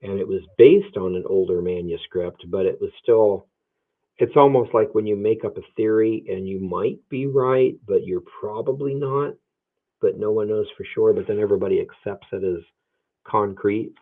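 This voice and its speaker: A man's voice: fairly low pitch, moderate pace. A man teaching Bible prophecy who answers viewer questions on a livestream, thinking aloud with hedges and many restarts. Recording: phone-like narrow sound.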